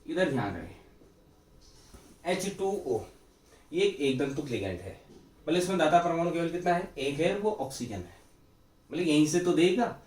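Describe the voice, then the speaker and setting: A man's voice: on the high side, expressive, moderate pace, pauses often, a little mellow. A male chemistry teacher giving a classroom lecture, asking questions and answering them himself and repeating key terms. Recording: echoey room, mic far off.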